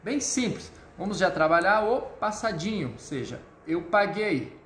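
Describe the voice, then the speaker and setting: Man, high voice, live French teacher, upbeat, step-by-step explanations, slow modeled phrases, echoey room. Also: very animated, a bit bright. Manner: upbeat, explains step by step with frequent check-ins. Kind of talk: live online language lesson.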